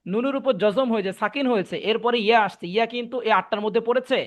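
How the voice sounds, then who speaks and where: A man's voice: extremely high pitch, quick pace. A man teaching Quran recitation in an online class, patiently repeating points and checking that students understand. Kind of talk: online tajweed class explanation.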